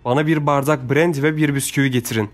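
A man's voice: medium pitch, fairly even intonation, fast, faint music behind, lightly acted. A man voicing a brash, hungry male stranger aboard a ship in an audiobook, talking bluntly and demandingly. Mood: brisk.

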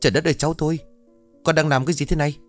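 A man's voice: medium pitch, animated, quick pace, soft background music, lightly acted. A man voicing an anxious, tearful old grandmother in an audio story, wailing and fretful. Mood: panicked.

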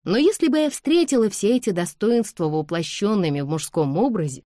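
A woman narrating an audiobook in a measured storytelling manner. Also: medium pitch, expressive, warm tone, no echo, studio quality.

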